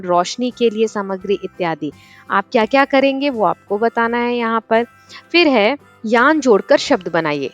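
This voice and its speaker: Woman teacher explaining a worksheet. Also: a little high. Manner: patient, explains step by step with examples. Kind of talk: worksheet lesson for children. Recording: dull lo-fi voice-over with faint music.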